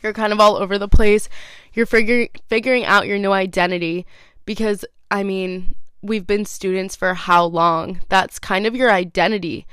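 Young female podcast host, 20s, congested and nasal, breezy and self-deprecating, crisp dry close sound. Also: medium pitch, steady tone, moderate pace, fairly bright tone, dry recording. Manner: chatty, self-mocking, laughs easily. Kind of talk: casual solo podcast.

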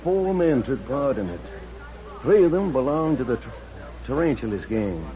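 A man's voice: mid-range voice, very animated, moderate pace, close to an everyday voice. An actor playing a blunt, knowing saloon barman in a vintage radio western, folksy and challenging. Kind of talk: 1940s radio western acting. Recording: dull vintage radio recording.

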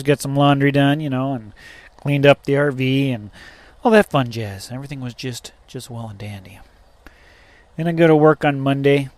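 In a casual storytelling vlog, a truck driver rambles and swears, full of fillers and restarts. His voice is medium-pitched and a little mellow, with no room sound.

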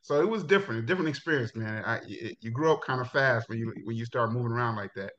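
Talking fast, a middle-aged Jamaican high school football coach relates his life story in a casual interview, relaxed, laughing, and starting over at times. The recording is dull and lo-fi.

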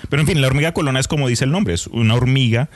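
A man's voice: medium pitch, rapid-fire, no room sound. A man, a podcast co-host telling stories in a casual, joking way. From Colombia. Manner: joking, storytelling with light asides. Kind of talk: casual chat.

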